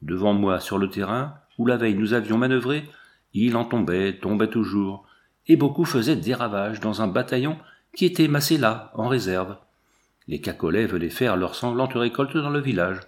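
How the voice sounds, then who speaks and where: A man narrating a war memoir in a measured, steady reading. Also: lowish voice. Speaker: audiobook narrator.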